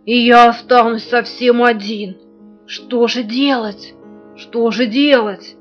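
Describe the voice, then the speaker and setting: Brief: woman voicing grumpy sleepy teddy bear cub, slow and loud, lo-fi, guitar underneath. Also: on the high side, fairly even intonation. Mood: worried. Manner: grumbling, drawn-out, loud. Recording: dull lo-fi recording, faint guitar.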